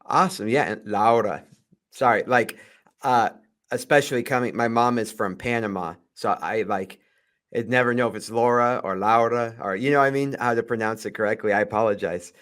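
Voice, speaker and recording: A man opens and guides a casual podcast interview. He sounds upbeat and a little rambling, filling his pauses with short words. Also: mid-range voice, a bit bright. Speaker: podcast host.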